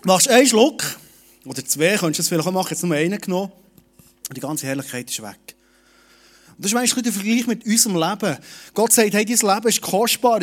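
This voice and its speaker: A middle-aged man preaching a sermon in a lively, direct way, speaking to each listener personally. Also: sits high. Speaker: pastor.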